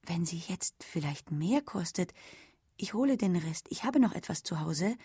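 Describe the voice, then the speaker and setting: A woman's voice: lowish voice, animated, moderate pace, warm tone, slightly rough, no echo, studio quality, exaggerated voice. A woman reading aloud, voicing a frightened young girl who pleads and stammers. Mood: anxious pleading.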